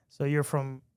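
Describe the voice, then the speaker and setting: A man hosts a podcast in an easygoing, conversational way, often restarting his sentences and laughing along. His voice is smooth and resonant. It is recorded close up in a dry, dead room. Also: a little high, mellow, no echo. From lives in Miami. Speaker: podcast host. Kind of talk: casual interview chat.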